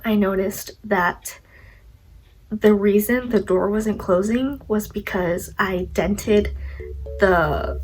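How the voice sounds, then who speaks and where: A young adult woman vlogger, her nose stuffed up, tells a casual storytime in a chatty, rambling way, peppered with "like" and self-mocking asides. Her voice is mid-range and the audio quality is poor.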